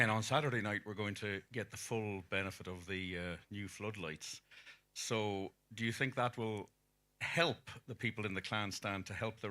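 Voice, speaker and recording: A man hosts a live sports interview. His voice sits a little low and has a bright, forceful tone. He speaks like a commentator putting questions to his guests. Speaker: interview host and rugby commentator.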